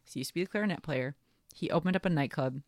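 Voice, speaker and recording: Woman co-host with a low voice. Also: rapid-fire, no room sound, studio quality. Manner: acts out characters' lines while recapping. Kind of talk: casual chat recapping a film.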